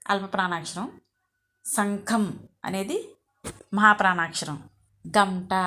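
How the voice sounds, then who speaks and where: Low-voiced woman teaching a lesson. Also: fairly bright tone. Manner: reads word lists slowly, adds plain explanations. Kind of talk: exam-prep lesson reading from notes.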